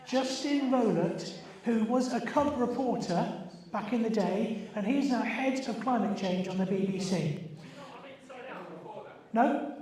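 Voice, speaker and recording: A sixty-year-old man with a British accent, chatting informally as a party quizmaster, halting and rambling as he calls out to guests. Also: very high-pitched, darkish tone. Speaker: birthday party quizmaster and host. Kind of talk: informal party quiz chat to a group. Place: echoey room at a live party. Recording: very echoey room, distant microphone.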